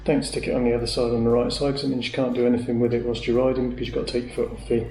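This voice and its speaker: Rapid-fire yet warm, a British man's mid-range voice barely shifts in pitch as he casually demonstrates motorcycle gear at home, thinking aloud in a chatty, matter-of-fact way. Faint clicks and noise fill the echoey room.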